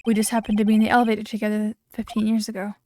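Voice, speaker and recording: A woman voicing a composed young male prosecutor haunted by guilt, reading game lines in a quiet, low-key confessional way. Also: completely flat delivery, rapid-fire, slight background noise, natural voice. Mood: somber. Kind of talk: reading game dialogue aloud.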